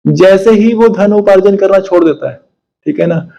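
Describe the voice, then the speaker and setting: A man's voice: high-pitched, normal speed, gravelly, mellow, highs cut off. A man giving a spiritual discourse on scripture, explaining by asking questions and retelling stories, with frequent tag questions and English phrases. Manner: mixes English phrases into Hindi. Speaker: spiritual teacher.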